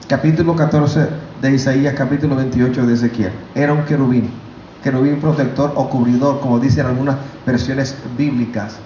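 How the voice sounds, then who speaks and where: A man's voice: fairly even intonation, brisk, muffled recording, slight background noise. Fervent man preaching in an echoey church. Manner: preaching, rising to loud fervent pitch when voicing God. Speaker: pastor. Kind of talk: sermon.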